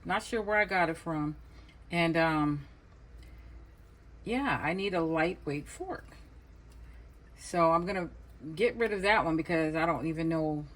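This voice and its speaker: A woman's voice: deep voice, measured pace, long pauses. A woman casually narrating her home cooking vlog, thinking aloud in an informal way. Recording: noisy home recording with clicks.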